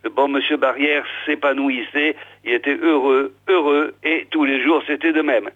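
A man's voice: medium pitch, fairly even intonation, moderate pace. Man telling a folksy tale over a phone-like line. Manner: chatty, addresses listeners directly. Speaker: storyteller. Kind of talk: folksy oral storytelling. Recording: tinny phone-like old recording.

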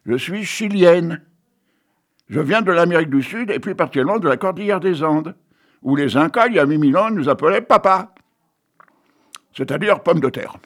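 A man voicing a chatty little talking fry. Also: on the high side, lively intonation, normal speed, pauses often, pitched above the performer's own voice. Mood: proud. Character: lively little talking french fry, female.

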